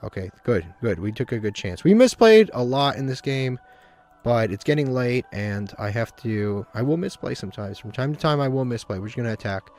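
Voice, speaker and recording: A man with a slight cold giving casual, monotone gameplay commentary, rambling and often restarting his sentences. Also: mid-range voice, fairly quick. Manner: monotone, self-described. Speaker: gaming video host.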